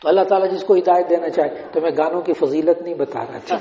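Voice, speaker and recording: A man's voice: on the high side, fairly even intonation, warm tone. Older man, scholarly lecture in an echoey hall. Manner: explanatory, quizzes his listeners. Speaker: Islamic scholar. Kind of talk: religious Q&A lecture. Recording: echoey hall, dull lo-fi sound.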